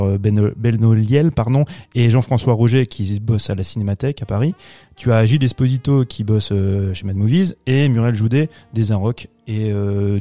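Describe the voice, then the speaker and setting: A man on a casual podcast, recommending a book in a measured, slightly hesitant way. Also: fairly low pitch, warm tone, dry recording. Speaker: podcast co-host.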